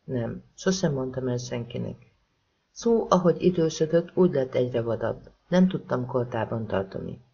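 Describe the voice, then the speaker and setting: A man voicing a remorseful young woman who haltingly recounts painful memories in a husky voice. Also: mid-range voice, animated, warm tone, highs cut off. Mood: troubled.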